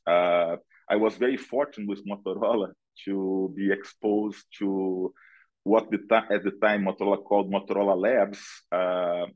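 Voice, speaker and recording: On a podcast, a middle-aged analytics director with a Brazilian accent answers interview questions conversationally as a guest. His voice is deep and steady at a normal speed, the audio sounds dull, and he hesitates while searching for words, often checking in with "right?".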